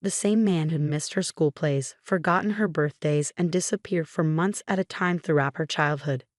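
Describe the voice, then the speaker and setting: A woman narrating a first-person story in an even, measured way. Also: low voice, no echo, studio quality.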